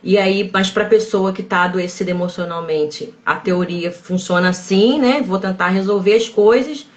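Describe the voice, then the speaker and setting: A woman psychologist explaining calmly in a live-stream conversation, measured and often checking in with tag questions. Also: medium pitch. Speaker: psychologist guest.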